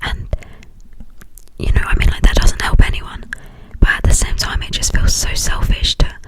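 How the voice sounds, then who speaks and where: A young adult from the United Kingdom speaks in a hushed, breathy whisper, rambling informally and hesitantly in an ASMR style. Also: moderate pace, poor audio. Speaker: ASMR video creator.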